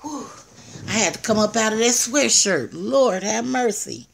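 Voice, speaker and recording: A woman's voice: on the high side, lively intonation, normal speed, creaky. An older woman chatting casually on a live stream at home through her tablet's built-in mic, rambling, greeting viewers and laughing at herself. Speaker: livestreamer.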